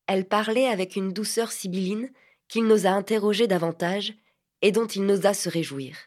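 Woman reading a literary audiobook. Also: medium pitch. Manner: measured, even reading. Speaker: audiobook narrator. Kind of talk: scripted literary narration.

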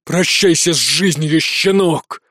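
A man's voice: a little high, slow pace, a bit bright, dry recording, clean studio sound. A man voicing a ruthless old male battle mage who snarls and gloats his threats. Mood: menacing.

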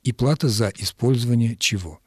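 Measured male radio language expert. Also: medium pitch, darkish tone, husky, dry recording, clean studio sound. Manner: measured, explanatory, with hesitations. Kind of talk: radio call-in answers. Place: radio studio.

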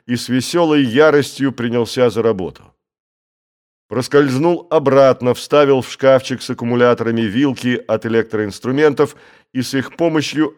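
A man giving a steady, measured scripted narration of an adventure novel. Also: mid-range voice.

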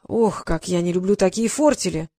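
A woman's voice: lowish voice, moderate pace, warm tone, dry recording, studio quality. A woman voicing a grumpy, talkative male creator who lectures and grumbles, in an audiobook reading. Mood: grumbling. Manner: irritable, lecturing, sighing.

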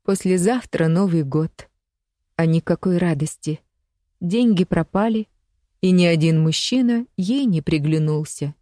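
A woman narrating an audiobook story in a measured, even storytelling manner. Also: on the low side, no room sound, studio quality.

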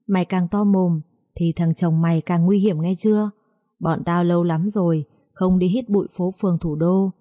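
A woman's voice: fairly low pitch, dark tone, dry recording, studio quality, lightly acted. A woman reading aloud, voicing a crude, threatening male debt-collector thug. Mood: mocking. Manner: vulgar, taunting, threatening.

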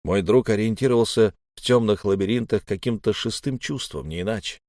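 A man narrating a first-person audiobook in a steady, measured way. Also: fairly low pitch, dry recording, clean studio sound.

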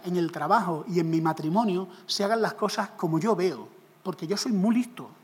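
A man preaching a humorous sermon, jokey and animated, acting out little scenes. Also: high-pitched, slightly rough, long reverb tail.

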